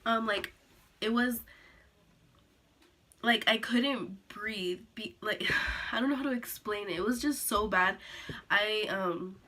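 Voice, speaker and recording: A teenage girl telling a sit-down story to her camera, rambling with lots of "like"s and restarts, a little hoarse from being sick. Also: medium pitch, a little slow, sharp tone. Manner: rambling, filler-heavy, many "like"s and restarts. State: recovering from illness, coughing. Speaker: vlogger.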